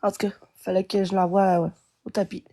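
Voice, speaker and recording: A woman's voice: mid-range voice, level tone, brisk, warm tone, slight background noise. Angry ranting Québécois woman. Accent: Québécois French. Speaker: guest. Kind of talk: angry live-stream rant.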